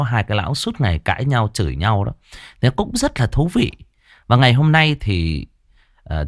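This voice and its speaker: A man's voice: on the low side, no echo, clean studio sound. Man narrating a ghost story. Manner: casual intro with many fillers and restarts.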